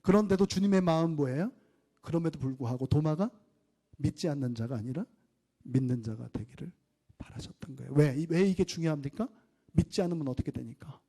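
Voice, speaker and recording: High-voiced animated male pastor. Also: fairly quick. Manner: animated, acts out biblical dialogue, asks the congregation questions. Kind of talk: sermon.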